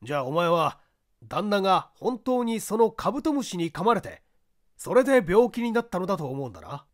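A woman voicing a calm, educated gentleman who asks measured, gentle questions. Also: mid-range voice, no room sound, clean studio sound, lightly acted.

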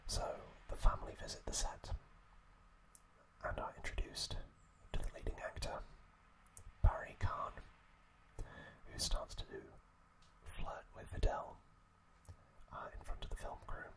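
An ASMR host recaps a story entirely in a whisper, going very slowly and splitting it into short phrases with hesitant pauses. The man's recording sounds rough.

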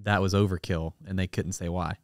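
A young adult man hosting a podcast, reacting with quick, curious questions at a boom mic. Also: fairly even intonation, darkish tone, dry recording, studio quality. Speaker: podcast host. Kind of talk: conversational interview. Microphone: studio mic on a boom arm.

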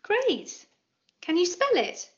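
A woman voicing a patient mother in a textbook dialogue, asking slow encouraging questions. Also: very high voice, huge pitch swings, exaggerated voice. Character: patient mother quizzing her child. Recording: dull, roomy audio played back faintly.

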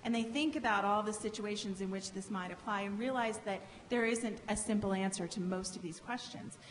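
Woman panelist in a reverberant hall. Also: medium pitch. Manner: measured and explanatory, with frequent restarts. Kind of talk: conference panel discussion. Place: large conference hall stage. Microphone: microphone on a table stand. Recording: reverberant hall, faint background hiss.

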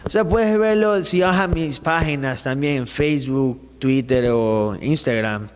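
A young adult singer from Ecuador chats animatedly in a casual interview on a small indoor studio set, speaking into a handheld mic held by the interviewer. His medium-pitched voice is smooth and unhurried with a big-room sound. He gestures with his hands and often restarts his sentences.

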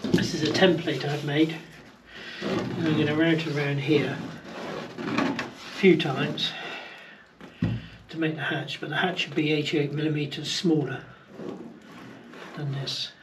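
A man's voice: fairly high pitch, little pitch movement, a little slow, pauses often, very noisy. A man in his sixties, a boat-building vlogger, chatting casually as he explains each job while he works. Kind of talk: casual how-to narration. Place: outdoors in a boatyard and inside a barge under refit.

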